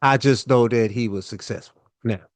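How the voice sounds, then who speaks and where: A man's voice: mid-range voice, normal speed, dry recording. A man hosting his own show, telling a personal story in a laid-back, chatty way with lots of fillers.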